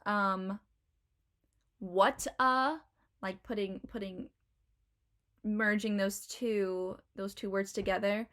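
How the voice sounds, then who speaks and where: Slow-talking woman teaching an accent. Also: medium pitch, level tone, fairly bright tone. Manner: explains slowly with examples, many ums. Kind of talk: casual video tutorial.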